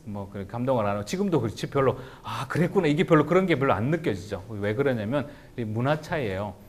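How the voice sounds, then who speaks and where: A man giving a lively lecture to teachers on how to teach English writing, slowing right down to spell out example sentences. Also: mid-range voice. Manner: animated, shouts example phrases, slows down for English sentences.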